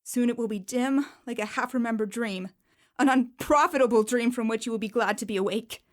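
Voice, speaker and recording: Belle, played by a woman, speaks in a rather high, clear voice, sorrowful yet resolute as she releases her fiancé. Her delivery is steady and firm in this radio drama. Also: brisk, natural voice. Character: young woman ending her engagement, sorrowful but firm.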